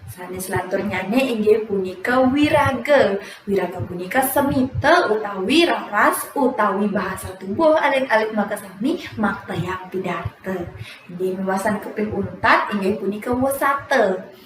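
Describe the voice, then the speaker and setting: A young woman teacher giving a formal lesson on speechmaking, speaking in a measured way with frequent filler pauses. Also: medium pitch, animated. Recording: echoey room, voice from some distance, faint noise.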